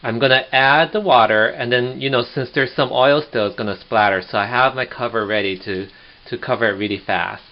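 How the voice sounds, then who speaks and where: A man casually walking through a cooking demonstration step by step, chatty and relaxed, in his home kitchen. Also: medium pitch, a little fast. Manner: chatty and relaxed, narrating each step as he goes. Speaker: home cook vlogger. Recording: dull lo-fi home video with faint noise.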